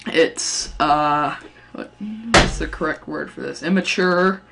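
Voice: mid-range voice, slow, vocal fry, heavy background noise. A speaker ranting casually over game footage, rambling with lots of fillers and restarts and throwing in playful mock insults. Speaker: gaming channel host. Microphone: gaming headset mic or webcam mic.

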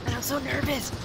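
A young woman chatting casually while playing a game, giggly and jittery, swearing playfully as her nerves get to her. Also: sits high. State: jittery and shaky. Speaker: gamer recording a video. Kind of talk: casual gaming chat. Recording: clear background noise.

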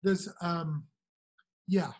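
A man's voice: on the high side, steady tone, a little mellow. Hesitant male interviewer on a video call. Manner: hesitant, halting, many fillers. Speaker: interviewer, host. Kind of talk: conversational interview. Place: small indoor room, video call. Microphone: webcam on a video call.

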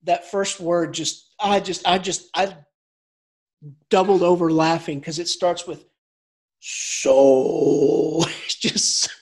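A man lecturing as an English professor in an informal, animated way, often restarting sentences and chuckling through his asides. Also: high voice, a little slow.

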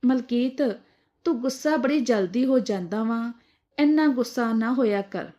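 A woman voicing a patient elderly mother who softly pleads with her son in a storybook tale. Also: on the high side, a little slow, lo-fi sound, close to an everyday voice. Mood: pleading. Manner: soft, placating. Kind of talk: storybook dialogue reading.

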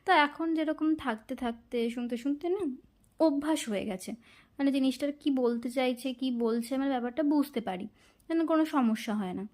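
A woman's voice: high-pitched, normal speed, a little mellow. A woman from India with a Bengali accent, chatting casually in her kitchen and telling a story while she cooks, with frequent fillers. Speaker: vlogger. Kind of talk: casual chat while cooking. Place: home kitchen.

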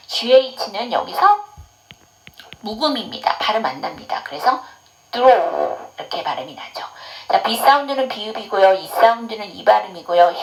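A woman's voice: a little high, poor audio. A woman English teacher giving an online phonics lesson, explaining patiently and asking her students questions.

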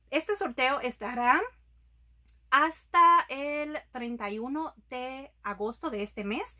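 A woman's voice: sits high, pushed and bright. A young woman vlogger announcing a giveaway to her viewers in a casual, affectionate way, filmed close up indoors. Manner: affectionate, addresses viewers as "my loves". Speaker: YouTube vlogger. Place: indoors in front of a green sequin backdrop.

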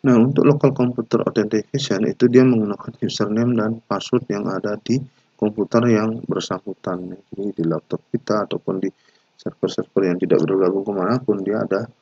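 Gravelly, husky man giving a lecture. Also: on the low side, fairly even intonation, dark tone, no echo, muffled recording. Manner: unhurried explaining with frequent "ya" tags and hesitations. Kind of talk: recorded university lecture.

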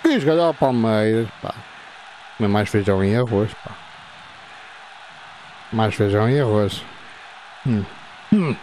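A man, playing a football video game and reacting excitedly, shouting and repeating words. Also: on the low side, measured pace, pauses often, a little hiss or hum. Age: 50s.

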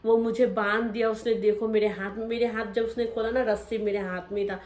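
A young woman tells her personal story straight to her viewers, emotional and vivid as she re-enacts each moment. Her voice sits a little high. The sound carries a roomy echo. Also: little pitch movement, brisk, darkish tone. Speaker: vlogger telling her life story.

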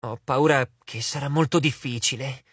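A man voicing a vain, touchy giant spider woman for a storybook, with shrill, shrieking outbursts. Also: fairly even intonation, normal speed, fairly bright tone, husky, no echo. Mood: haughty.

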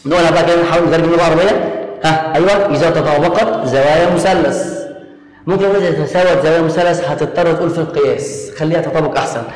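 A man with an Egyptian Arabic accent teaching a math lesson in a quick, conversational way, voicing his students' questions himself. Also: on the high side. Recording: echoey room with long reverb.

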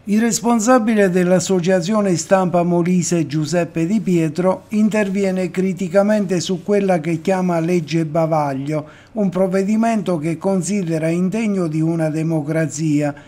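A man reading a regional television news report in a measured, formal way. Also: sits high, mellow.

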